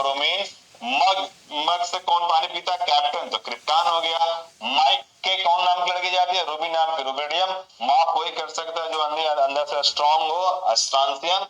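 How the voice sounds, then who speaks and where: A male teacher taking an online class from home, repeating memory cues in call-and-response. His voice is bright and a little high, and it rings in an echoey room. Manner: repetitive, call-and-response mnemonics.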